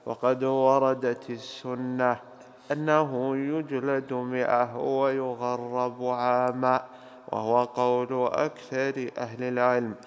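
A man formally reading a classical commentary aloud in a slow, careful recitation for his teacher. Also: mid-range voice, little pitch movement, smooth, long reverb tail.

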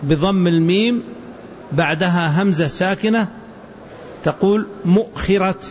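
A man teaching a hadith lesson to students, explaining word forms slowly and repeating them so the class can follow. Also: sits high. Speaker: religious teacher. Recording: dull lo-fi with faint hiss.

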